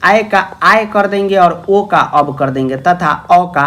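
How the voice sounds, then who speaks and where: A man's voice: sits high, measured pace, bright, forceful tone. A young man teaching grammar in an online lecture, affectionately calling students "babu" and asking their questions himself.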